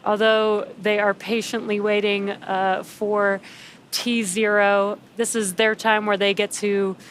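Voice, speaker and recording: A woman's voice: medium pitch, level tone, takes it slowly, slight background noise. A woman hosting a live webcast, giving unscripted explanatory commentary. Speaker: webcast host.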